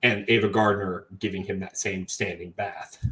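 A man's voice: deep voice, steady tone, moderate pace, bright, forceful tone. A young man co-hosting a casual film review podcast, rambling and chatty. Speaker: podcast co-host.

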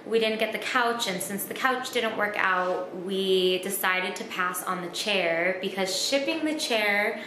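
A woman's voice: mid-range voice, measured pace, hardly any pauses, bright, forceful tone, reverberant, a little hiss or hum, poor audio. A young woman in her twenties telling a casual home vlog story, upbeat and chatty, often saying "like". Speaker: vlogger. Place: small room at home, indoors.

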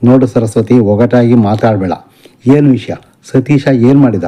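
A man voicing an angry, stern middle-aged father in an audio novel, scolding with gruff commands. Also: mid-range voice, moderate pace, warm tone, muffled recording, lightly acted.

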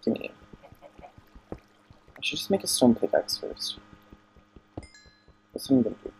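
A man's voice: medium pitch, very animated, unhurried, vocal fry, darkish tone, a little hiss or hum. A young man giving casual commentary as he plays a video game at home, talking to himself and getting easily annoyed. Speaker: gaming channel host. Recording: lo-fi home recording.

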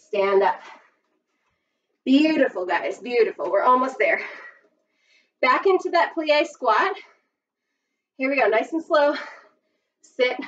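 A woman's voice: fairly high pitch, a bit bright, a little hiss or hum. A woman in her thirties working as an aerobics instructor, cueing an exercise class with counts and short commands. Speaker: aerobics instructor leading a barre workout. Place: carpeted indoor playroom at home. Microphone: far camera microphone. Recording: muffled, distant camera microphone.

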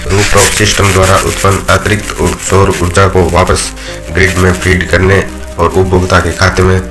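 A man narrating a scripted voice-over explainer, reading steadily with small slips. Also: sits low. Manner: steady read-aloud delivery with small slips. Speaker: channel narrator. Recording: voice-over with loud background music.

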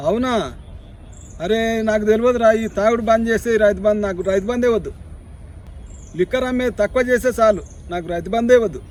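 A man's voice: high voice, fast talker, darkish tone, a little hiss or hum, close to an everyday voice. A man playing a soothing village friend. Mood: consoling. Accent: Telangana Telugu. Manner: soothing, questioning. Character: older village friend consoling a crying man. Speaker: comedy sketch actor. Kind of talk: village comedy sketch.

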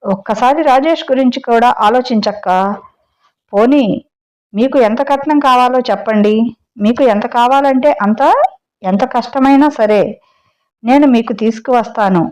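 A woman voicing a gentle father who pleads hesitantly for his daughter's marriage. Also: fairly high pitch, normal speed, long pauses, natural voice, poor audio. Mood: pleading. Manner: stammering, pleading.

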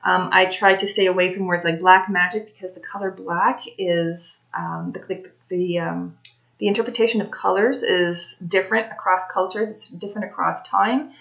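A woman with a lowish voice talks casually to her camera, unhurried, filling pauses with ums and starting phrases over. The sound is dull and muffled, like a cheap home video. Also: fairly even intonation, creaky, a bit bright. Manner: unhurried, many ums and restarts. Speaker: tarot reader and vlogger. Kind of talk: casual solo talk to camera.

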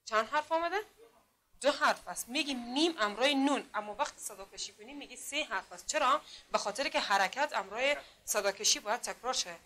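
A woman teaching literacy in a classroom, speaking with an Afghan Dari accent, patiently repeating herself and sounding out letters slowly. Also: fairly high pitch, expressive, pushed and bright. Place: classroom with a board.

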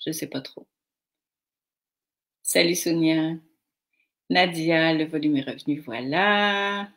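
A middle-aged woman with a Québécois French accent, hosting a live stream and chatting casually as she greets viewers by name from the comments. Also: low-pitched. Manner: slow, warm greetings read from comments.

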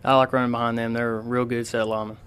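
A teenage boy answers a radio interviewer, polite and hesitant, pausing often on ums and uhs. His voice is smooth and clear but stays flat, with little rise or fall. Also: mid-range voice. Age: teens. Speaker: high school quarterback guest. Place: radio studio.

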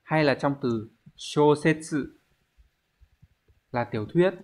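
A man's voice: fairly high pitch, slow. A man teaching an online exam-prep language lesson, explaining step by step and posing rhetorical questions to his students.

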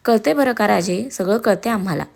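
A woman's voice: mid-range voice, brisk, natural voice. Brief: woman playing a merry, teasing middle-aged aunt in a spoken story. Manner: teasing, laughing.

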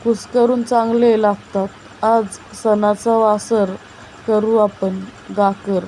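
A poor, hardworking village mother from a storybook speaks in plain, homely words, as a woman narrator reads her. Her voice stays mellow and even, with little rise and fall. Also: mid-range voice, slow pace, slight background noise, natural voice. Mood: soothing.

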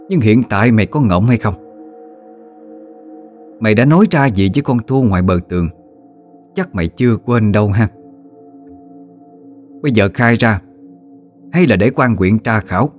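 A man's voice: lowish voice, darkish tone, close to an everyday voice. A man voicing a stern, vengeful older mistress of a magistrate's house, harsh and threatening.

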